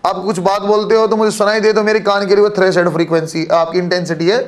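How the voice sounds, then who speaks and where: A man with a high-pitched voice and a Haryanvi Hindi accent lectures on physics to a class. He speaks in a steady classroom style, keeps calling his students "kids" and checks in with them as he explains. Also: fast. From Haryana, India. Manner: addresses students as kids, frequent check-ins. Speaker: physics teacher.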